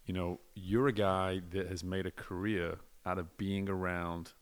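A man hosting a podcast interview, asking measured, reflective questions. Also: sits low, flat delivery, smooth. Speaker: podcast host.

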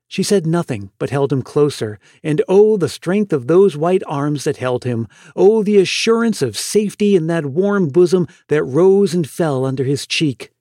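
A male host reads an old story aloud with slow, expressive care. His voice sits a bit high, and the recording is dry and close with no room sound. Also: dry recording. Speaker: podcast host reading a story. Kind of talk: storytelling narration.

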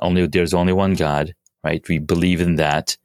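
A man's voice: deep voice, steady tone, normal speed, dry recording, studio quality. A man from Pakistan, a podcast guest, talking casually with many fillers and restarts. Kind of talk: casual interview talk.

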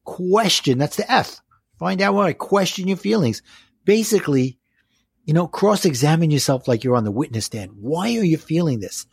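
A life coach from Brooklyn, New York, with a Brooklyn accent explains things step by step in an interview, using rhetorical questions. His voice is on the high side and husky, with lively intonation and a moderate pace, in a dry, clean studio recording.

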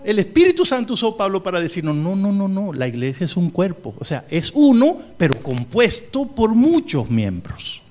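A middle-aged male pastor preaching a sermon with emphatic repetition, humorous asides and wide swings in pitch. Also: vocal fry, a little mellow.

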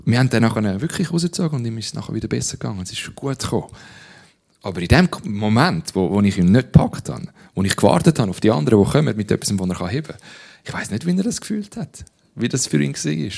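A man's voice: medium pitch, big pitch swings, fast talker, vocal fry, darkish tone, slightly rough. A man with a Swiss German accent preaching a sermon in a direct, conversational way, often turning to the listeners with rhetorical questions. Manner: conversational, direct, with frequent rhetorical "hey" and "oder?".

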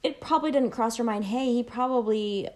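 A woman's voice: fairly high pitch, brisk, a little mellow. A woman in casual movie chat, talkative and laughing, who swears now and then.

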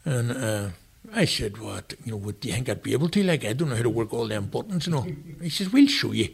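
A man's voice: medium pitch, big pitch swings, quick pace, creaky, slightly rough. A man in his sixties with a Northern Irish accent, a retired chef chatting as a guest and telling rambling, anecdotal stories. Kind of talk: casual interview chat.

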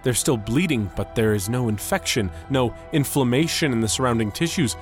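An actor playing a skeptical, proud doctor in an audio drama, with a brisk, authoritative delivery. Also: male voice, medium pitch, expressive, lightly acted. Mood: baffled. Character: skeptical, proud male doctor, irreligious, increasingly baffled. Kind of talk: dramatized audio story acting. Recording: loud music under the voice.

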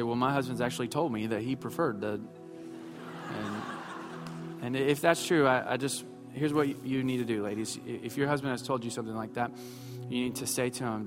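A pastor in his thirties preaching a sermon, mixing self-mocking humor with emphatic points. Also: medium pitch. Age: 30s. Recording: long hall reverb with faint music.

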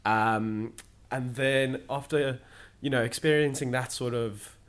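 A young man answers an interviewer's questions. He speaks in a steady, explanatory way and pauses now and then to find his words. He is recorded in an office. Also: medium pitch. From Zimbabwe. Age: young adult. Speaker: guest, solar sales manager. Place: office in London.

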